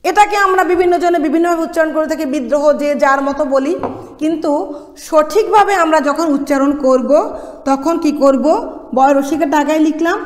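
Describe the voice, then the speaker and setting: Woman college lecturer, high voice, patient step-by-step explainer, roomy classroom echo. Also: brisk. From Bangladesh. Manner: explains step by step, asks and answers her own questions. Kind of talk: classroom lesson on pronunciation rules. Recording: echoey room, long reverb.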